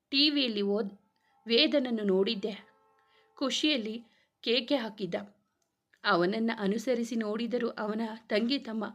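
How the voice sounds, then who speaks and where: A woman narrating a romantic serial story in a steady, even reading voice. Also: a little high.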